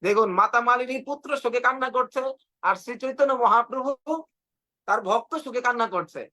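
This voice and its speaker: A man's voice: very high-pitched, a little fast, pushed and bright, rough recording. A man giving a fervent devotional sermon on a video call, retelling stories with repetition and acted quotes. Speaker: preacher.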